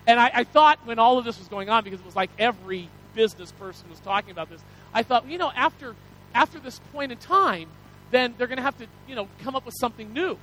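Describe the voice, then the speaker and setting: A man preaches in a very high voice, chatty and self-deprecating, stumbling over restarts as he talks to his congregation. Faint noise sits under the recording. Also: fast talker, a bit bright, low-quality recording. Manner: folksy, rambling, self-deprecating with many restarts. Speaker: pastor. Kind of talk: sermon.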